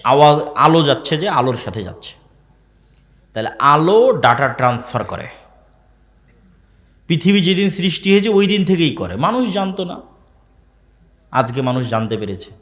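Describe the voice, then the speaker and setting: A man's voice: fairly high pitch, sing-song, normal speed, long pauses, a bit bright. A man preaching a sermon to a live audience, asking the crowd questions and repeating key phrases. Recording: long hall reverb.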